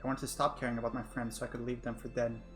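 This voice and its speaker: Man doing a worn-down young heroine, fast, medium pitch, faint music. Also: flat delivery, fairly bright tone, natural voice. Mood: despairing. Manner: despairing first-person narration, repeating herself. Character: young woman trapped in a time loop, worn down. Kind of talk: narrating a game in character.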